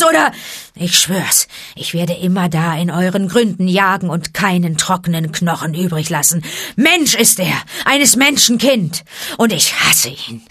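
A woman's voice: on the low side, no room sound, studio quality, natural voice. A woman voicing a proud, menacing male tiger who rants with hatred in a storybook reading. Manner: roaring, hateful ranting.

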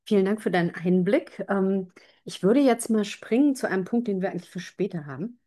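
A woman's voice: mid-range voice, animated, a little fast, dark tone. Woman hosting a live interview. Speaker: host.

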